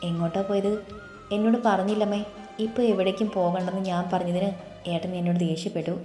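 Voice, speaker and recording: A woman's voice: medium pitch, fairly even intonation, quick pace, warm tone, close to an everyday voice. A woman voicing an anxious, tearful young woman expecting a baby, pleading and sobbing in a storybook reading with faint music in an echoey room. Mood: worried. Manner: pleading, sobbing as she speaks.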